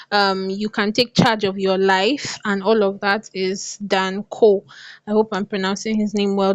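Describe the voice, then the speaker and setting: A woman's voice: mid-range voice, no room sound. A woman with a lisp and slushy s sounds, teaching casually as a coach and repeating phrases for emphasis. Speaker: copywriting coach. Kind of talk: casual online lesson to viewers.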